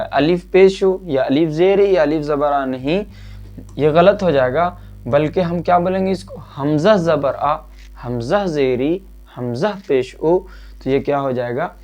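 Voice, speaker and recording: A man teaching a Quran reading lesson, patiently asking questions and answering them himself, and drilling letter sounds slowly. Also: a little high, a little mellow. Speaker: religious teacher.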